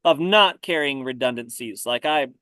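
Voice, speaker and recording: A man talking casually about survival gear, relaxed and often repeating words as he thinks. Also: mid-range voice, normal speed, smooth, dry recording. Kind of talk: casual conversation.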